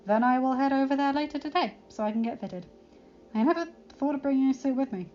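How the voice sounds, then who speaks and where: Woman reading as a young male pony guard, earnest, gentle, reassuring, lo-fi sound. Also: high voice, fast, pitched above the performer's own voice, lightly acted. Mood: casual. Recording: slightly dull lo-fi recording, faint music.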